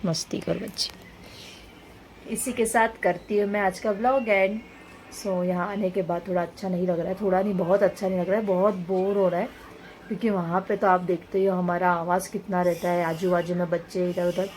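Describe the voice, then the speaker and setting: A woman's voice: on the low side, fairly even intonation, fairly quick, darkish tone, slight background noise. A woman vlogger at home, talking in a coaxing, questioning way with her small child and then to her viewers. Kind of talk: casual home vlog. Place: home in an apartment building.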